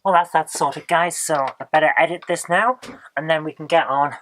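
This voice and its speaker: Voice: medium pitch, steady tone, brisk, a bit bright. An exhausted vlogger, chatting casually and rambling as they search for words. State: exhausted, low on energy. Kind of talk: casual vlog chat.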